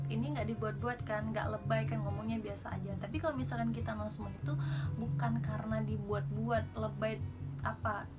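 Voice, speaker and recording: A woman from Indonesia chatting casually in a tutorial vlog, informal and rambling, often correcting herself. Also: fairly high pitch. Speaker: vlogger and flight attendant giving tips. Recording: loud music behind.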